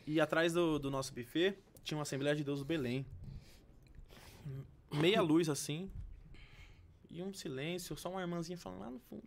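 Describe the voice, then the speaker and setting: Animated, high-voiced Brazilian man telling a testimony. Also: moderate pace, gravelly, pauses often. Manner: animated storyteller, bursts into hymn. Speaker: gospel singer guest. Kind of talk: casual testimony.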